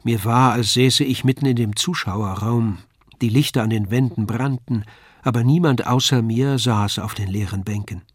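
An older man reading a classic novella aloud in a measured, even storytelling manner. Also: mid-range voice, husky, no echo, studio quality. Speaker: audiobook narrator. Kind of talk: scripted literary reading.

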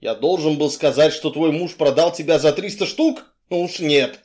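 A male reader playing a sly, gruff crime boss who mocks and blusters when pressed. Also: fairly high pitch, moderate pace, darkish tone, lightly acted. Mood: mocking, blustering. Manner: mocking, blustering, evasive.

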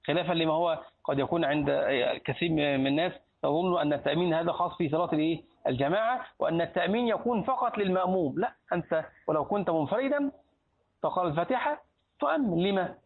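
A man's voice: fairly high pitch, expressive, quick pace. A man teaching a lesson on Islamic law in colloquial Egyptian Arabic, asking his students questions and answering them himself. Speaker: sheikh teaching a hadith book. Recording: tinny lo-fi phone-like recording.

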